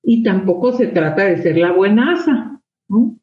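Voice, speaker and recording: A woman's voice: medium pitch, animated, unhurried. A middle-aged woman with a Mexican accent speaks reflectively, often turning her thoughts into questions. The recording sounds roomy, with a dull, lo-fi tone. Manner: talks things through aloud, many rhetorical questions. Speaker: guest sharing her experience. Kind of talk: reflective conversation on emotions and parenting.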